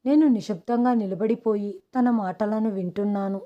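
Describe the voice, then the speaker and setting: A woman reading a first-person story aloud in a steady, dramatic way. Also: mid-range voice, moderate pace. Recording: dull lo-fi audio.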